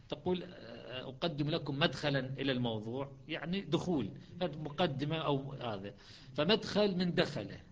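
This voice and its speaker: Guy teaching quran recitation readings, kinda high voice, slow careful explaining, muffled lo-fi recording. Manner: patient, methodical explaining with frequent pauses and restarts. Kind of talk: explanatory lesson on recitation variants. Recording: dull lo-fi recording.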